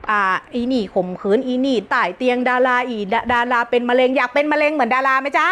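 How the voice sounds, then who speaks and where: A woman's voice: on the high side, fast, a bit bright, faint music behind. A woman teacher giving a brash, joking live-stream self-help talk, often breaking into laughter.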